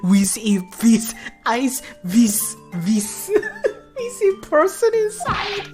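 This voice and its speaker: A woman voicing an excitable young witness with a breathless, giggly way of telling things. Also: on the high side, a little slow, pitched above the performer's own voice, close to an everyday voice. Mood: excited. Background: game music.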